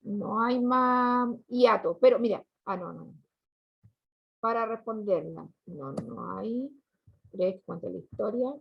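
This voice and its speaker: A woman's voice: medium pitch, takes it slowly, creaky, slightly rough. A woman, teaching a class patiently, asking questions and repeating students' answers. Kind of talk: online class lesson. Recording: dull lo-fi recording.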